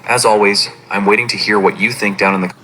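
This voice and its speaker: A man giving scripted narration of a fan theory in an even, explanatory way. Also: lowish voice, fast talker, background noise.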